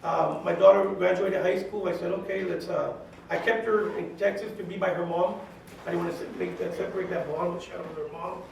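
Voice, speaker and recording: California guy in his 40s, chef talking to a class, raspy gravelly voice, heard from far off in a really echoey classroom. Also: high voice, steady tone, a little fast. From California, USA. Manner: chatty and direct, full of "you know" and retold quotes. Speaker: guest speaker, chef and caterer. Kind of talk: casual talk to a class of students. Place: high school classroom. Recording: very echoey classroom, mic far off, faint hiss.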